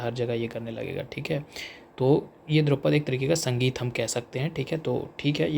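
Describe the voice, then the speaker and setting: A young Indian man talks through exam questions in a relaxed, chatty lecture, reading the English lines slowly. His voice has a gravelly edge, sitting at an ordinary middle pitch. A faint hum runs underneath the recording. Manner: chatty, repeats "theek hai", reads English slowly. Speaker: exam coaching teacher. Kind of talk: casual explanatory lecture.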